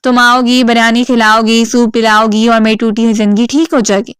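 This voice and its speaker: Woman narrator voicing a harsh, scolding thirties man, storybook reading, smooth and dry. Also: fairly high pitch, little pitch movement, a bit bright, no echo, lightly acted. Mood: bitter, angry. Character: angry ill divorced man in his thirties.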